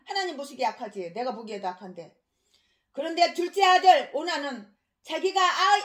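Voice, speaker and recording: A woman pastor giving an expository sermon in a fiery, scolding manner, swinging between shouting and low muttering.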